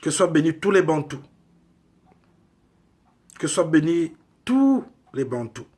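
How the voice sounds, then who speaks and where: A man from Congo delivering a slow, emphatic sermon full of rhetorical questions. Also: on the high side, sing-song, a little mellow, husky. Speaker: preacher.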